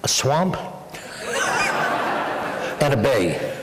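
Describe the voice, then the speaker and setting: A man's voice: medium pitch, very animated, drawn-out words, background noise. A man answering questions as the honored guest at an onstage dinner interview, wry and joking. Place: large banquet hall. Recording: echoey banquet hall.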